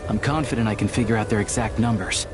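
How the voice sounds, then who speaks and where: Video game role: male actor as sly outlaw hunter, lowish register, wry and nonchalant, never rattled; music behind. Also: quick pace, lightly acted. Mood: calm, focused. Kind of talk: scripted video game voice acting.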